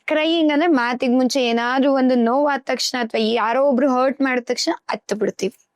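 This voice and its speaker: A woman's voice: sits high, brisk, no echo. A woman guest on a podcast, a life coach who explains earnestly with everyday examples. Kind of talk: podcast interview.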